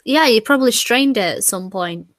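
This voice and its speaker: A woman's voice: on the high side, lively intonation, moderate pace, dry recording, clean studio sound. A woman co-hosting a casual stream chat, laughing and poking fun at herself. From Britain. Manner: chatty, laughing, self-mocking. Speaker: co-host.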